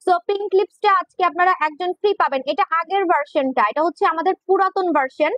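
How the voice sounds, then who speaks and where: A woman's voice: extremely high pitch, fast, a bit bright, dry recording, dull audio. A woman, hosting a casual livestream for her skincare shop, teasing and chatting directly with viewers through a clip-on mic. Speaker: online skincare shop owner selling on a livestream. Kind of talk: casual livestream sales talk.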